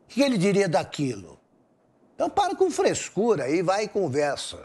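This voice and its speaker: A male political commentator with a high voice that swings widely in pitch. He talks with scornful indignation and presses rhetorical questions. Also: wildly swooping pitch, normal speed, darkish tone, husky. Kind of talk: heated opinion commentary.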